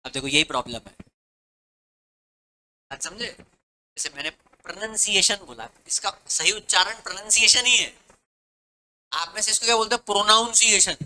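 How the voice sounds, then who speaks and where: A male commerce teacher from Rajasthan lectures a classroom of students. His voice is very bright and sharp, and he switches between Hindi and English. He keeps quizzing the class with the same question again and again. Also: high voice, expressive, moderate pace, pauses often, a little hiss or hum, rough recording. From Rajasthan, India.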